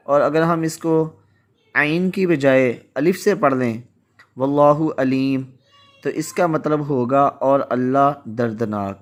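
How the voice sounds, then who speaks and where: A man from Pakistan teaching Quran recitation, explaining slowly and contrasting how words are pronounced. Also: on the high side. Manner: slow, explanatory, contrasts word pronunciations. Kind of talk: Urdu tajweed lesson.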